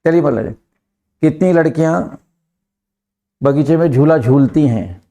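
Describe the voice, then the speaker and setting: A man with an Indian accent runs a live English class, drilling his students and pushing them to answer fast. His pitch is fairly high, his tone warm, and there's some vocal fry in his voice.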